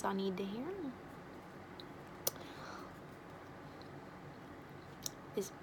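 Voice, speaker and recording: A woman's voice: mid-range voice, background noise. A woman playing a blunt, nosy, wisecracking matchmaker in an ASMR role-play, with an overdone regional accent and teasing sales patter.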